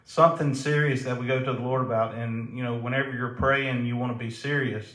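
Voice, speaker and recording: A man's voice: mid-range voice, fairly even intonation, a little fast, fairly bright tone, echoey room, poor audio. A man from South Carolina with a Southern drawl, co-hosting a casual faith talk show, folksy and joking, laughing often. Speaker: co-host.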